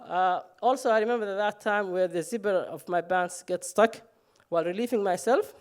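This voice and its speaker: A man's voice: sits high, moderate pace, clean tone. A man from Somalia, telling a personal story on stage with self-mocking humor and frequent "uh" fillers.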